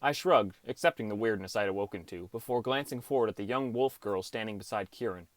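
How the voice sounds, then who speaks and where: Over background music, a male actor voices a gloomy teenage boy recounting his gaming adventure as a wry, understated first-person audiobook narration with a reflective mood. His voice sits on the low side and moves briskly, sounding close to everyday speech, with no room sound.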